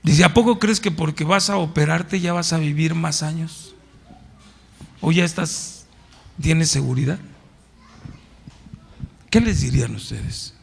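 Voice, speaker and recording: A man's voice: fairly high pitch, measured pace, gravelly, long pauses, breathy edge. A middle-aged man with a Mexican Spanish accent, a pastor preaching in church in a conversational way and putting questions to the congregation. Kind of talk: sermon.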